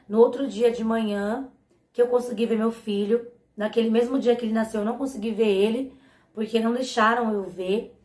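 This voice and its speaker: A young woman with a Brazilian Portuguese accent shares her personal testimony in a somewhat high voice, earnest and often turning to her viewers. The sound is echoey, as if recorded in a bare room. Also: fairly even intonation, fairly quick, a little mellow. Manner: earnest, often turns to the audience. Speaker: mother giving a faith testimony.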